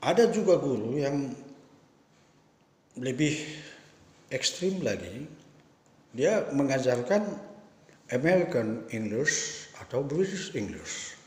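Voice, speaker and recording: A man's voice: medium pitch, big pitch swings, takes it slowly, pauses often. A man giving a spoken lecture to teachers, emphatic and asking rhetorical questions. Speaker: professor giving a talk. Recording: echoey room with long reverb.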